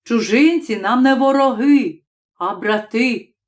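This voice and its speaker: Woman reading as a calm arguing young student. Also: a little high. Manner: measured, arguing. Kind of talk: audiobook reading.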